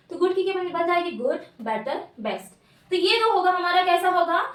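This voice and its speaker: A woman teaches grammar in a high, bright-pitched voice, posing questions and answering them herself. She repeats each key word. The mic sits well back, so the sound is roomy and echoey. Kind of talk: grammar lesson at a board. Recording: echoey room, mic at a distance.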